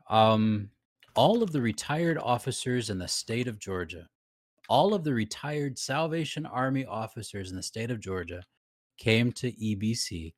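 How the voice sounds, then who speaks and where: A man co-hosting a podcast, telling a story in lively casual chat and laughing often. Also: on the low side, dry recording, clean studio sound. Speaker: podcast co-host.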